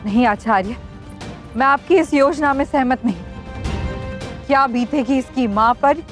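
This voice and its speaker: Woman playing a distressed mother, pleading and indignant, fairly high voice, music behind. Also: measured pace. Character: distressed mother arguing with a teacher. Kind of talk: historical TV drama acting. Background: dramatic music.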